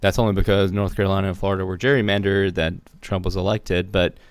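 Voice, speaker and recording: A very low-voiced man co-hosts a political podcast, asking wry, probing questions in a relaxed way. The room sound is dry and close. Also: fast, clear, resonant tone, dry recording. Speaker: podcast co-host. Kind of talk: casual political discussion.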